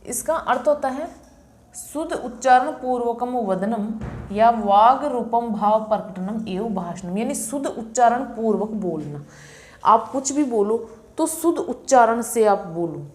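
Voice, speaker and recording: A woman's voice: on the high side, animated, darkish tone. Confident woman teaching exam tricks. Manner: confident, repeats key terms slowly for memorising. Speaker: Sanskrit teacher. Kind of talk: exam-prep lecture.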